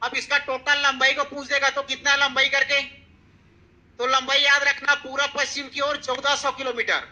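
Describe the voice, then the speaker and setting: A man teaches an exam-prep lesson in a very high, piercing voice. He repeats each point, quizzes his listeners and checks in with them after every step. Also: monotone, normal speed, sharp tone, low-quality recording. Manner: repetitive, keeps asking students questions and checking with "theek hai". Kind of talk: exam-prep classroom lecture.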